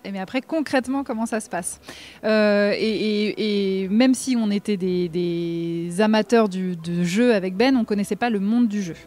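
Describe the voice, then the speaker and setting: A woman interviewed about publishing her games, relaxed, with fillers and acted-out quotes. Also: mid-range voice, normal speed. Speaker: game designer guest. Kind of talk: casual interview talk.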